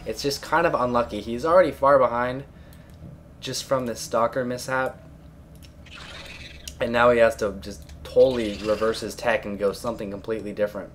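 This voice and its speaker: A man at home giving blunt, chatty solo commentary on a strategy game, coughing and clearing his throat often. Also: medium pitch, steady tone, moderate pace, slight background noise.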